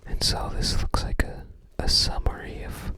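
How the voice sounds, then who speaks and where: Unscripted whispered commentary from an ASMR video host accompanies a look through a game guide book. The whisper is breathy, soft, and unvoiced, and the host takes their time, musing and recalling things tentatively.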